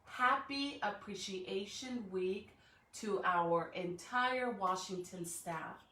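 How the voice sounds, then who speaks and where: Her mid-range voice is slow, pushed and bright, picked up by a distant mic in an echoing room. An elementary school staffer, she hosts a live-streamed read-aloud, encouraging young children with frequent "right?" and rhetorical check-ins before reading a storybook.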